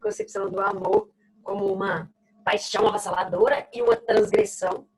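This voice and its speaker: A woman's voice: high voice, sing-song, fairly quick, creaky, darkish tone, poor audio. A woman with a Brazilian Portuguese accent teaching a literature lesson, explaining step by step, repeating key phrases and checking in with "ok?". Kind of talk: recorded class lesson.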